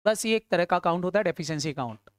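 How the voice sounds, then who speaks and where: A woman teaching accounts to a class, firing questions at her students, urging quick answers and often answering them herself. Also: on the low side, animated, no room sound. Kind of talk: classroom lecture.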